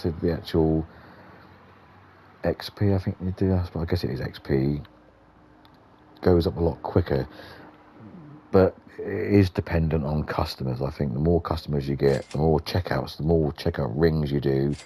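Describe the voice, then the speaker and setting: A man's voice: a bass voice, warm tone, slight background noise. A British man giving rambling, understated, casual gameplay commentary as the host of a gaming video.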